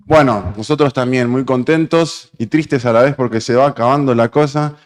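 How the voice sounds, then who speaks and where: A man's voice: mid-range voice, normal speed. A man hosting a seminar, speaking informally to an audience as he introduces a guest speaker.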